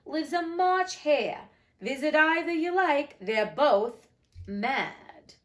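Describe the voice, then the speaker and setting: A woman voicing a mad, teasing storybook cat with drawn-out, emphatic phrasing. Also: high voice, animated, a bit bright, pitched above the performer's own voice, exaggerated voice. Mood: teasing, breezy. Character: grinning mad Cheshire Cat, playful, teasing riddler.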